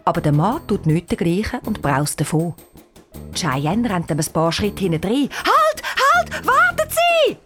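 A woman with a Swiss German accent narrating a children's story in a lively, expressive way. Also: on the low side, normal speed, soft background music.

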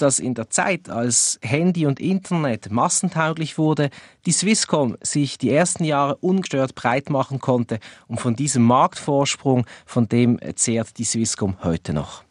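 A man's voice: medium pitch, no room sound. Matter-of-fact male reporter, dry sound. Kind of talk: radio news interview.

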